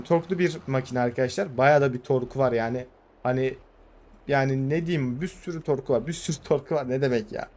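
A young man giving casual, excitable commentary over a farming game, urging the vehicle on with quick repeated words. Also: medium pitch. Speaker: gaming YouTuber. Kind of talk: casual let's-play commentary.

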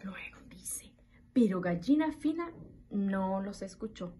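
A woman preschool teacher reading a picture book aloud to young children, animated, with playful asides to the listener. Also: medium pitch, slow pace, a little hiss or hum.

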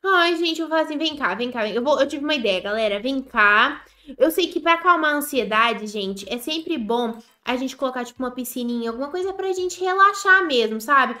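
Excitable high-voiced Brazilian woman gamer. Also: a little fast. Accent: Brazilian Portuguese. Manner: excitable and chatty, often talking straight to viewers. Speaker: gaming YouTuber. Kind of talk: Roblox gameplay commentary.

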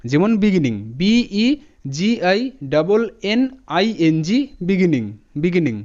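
A man teaching an English spelling lesson, spelling words out letter by letter in a steady explaining manner. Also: high-pitched, unhurried. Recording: dull lo-fi audio.

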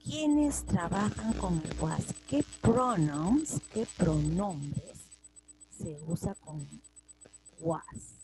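A woman's voice: on the low side, expressive, very slow, a little mellow, slight background noise, rough recording. A woman teaching English grammar, patiently repeating each example in both languages. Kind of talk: slow classroom explanation, mixing Spanish and English.

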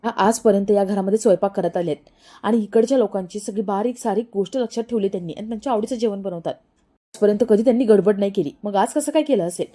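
A woman reading as a calm young man. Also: mid-range voice, fast, natural voice. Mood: earnest.

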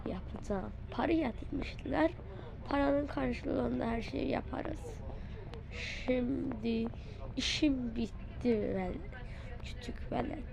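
A woman voicing a menacing mafia thug who threatens a child in a low mutter. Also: slow pace, gravelly, darkish tone, heavily acted, low-quality recording.

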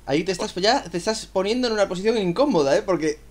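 Fast talking host guy, super animated, ribbing his guest. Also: high-pitched. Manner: teasing, fast, lively interjections. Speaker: host, interviewer. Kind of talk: casual chat.

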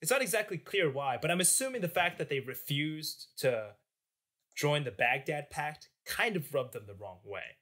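A male host narrates history in a casual, jokey way, with slang and asides. His voice is bright and somewhat high, with a very lively pitch. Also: normal speed. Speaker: podcast host.

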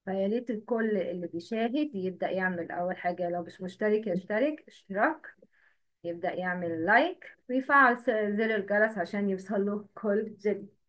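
A woman with an Egyptian Arabic accent teaching a livestream lesson, explaining step by step and repeating terms slowly. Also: medium pitch.

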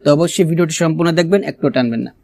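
A man with a Bangladeshi Bengali accent teaching Quran pronunciation, explaining quickly and then drawing out each recited word slowly. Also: on the high side, a little mellow, no room sound, studio quality. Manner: alternates quick explanations with slow, drawn-out recitation.

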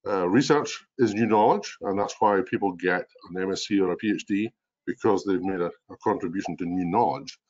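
Man, 60s, broad Scottish accent. Low-pitched executive presenter explaining on a webinar, dull video-call sound. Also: darkish tone. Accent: strong Scottish. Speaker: organization president and chief executive, presenter. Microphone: video call computer mic.

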